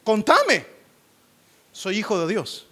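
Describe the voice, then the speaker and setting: A man's voice: high voice, moderate pace, a bit bright. A man preaching a fervent church sermon as pastor, repeating phrases for emphasis. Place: church service.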